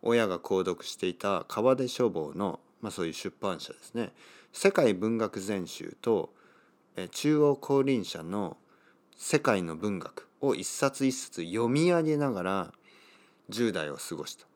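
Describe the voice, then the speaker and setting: A middle-aged man from Kyushu, a Japanese language teacher, reads a text slowly for learners and restates each part in easier words, stopping to puzzle over hard names. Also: on the low side, animated, darkish tone. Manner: reads text aloud slowly, then rephrases it in simpler words; stops and wonders aloud how to read place names. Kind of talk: explaining a reading for Japanese learners.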